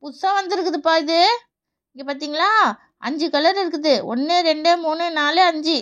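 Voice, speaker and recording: A woman voicing an elderly grandmother shopkeeper in a children's cartoon, bossy and quick to scold. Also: high voice, fairly even intonation, fairly bright tone, highs cut off, pitched below the performer's own voice. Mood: showing wares.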